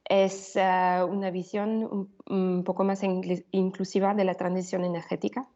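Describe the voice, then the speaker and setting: Slow, creaky woman with foreign-accented Spanish. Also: mid-range voice, level tone, warm tone. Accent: foreign, Italian-influenced. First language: not Spanish. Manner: halting, searching for words in non-native Spanish. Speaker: panelist, energy justice advocate. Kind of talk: live slide presentation. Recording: dull lo-fi online-call audio.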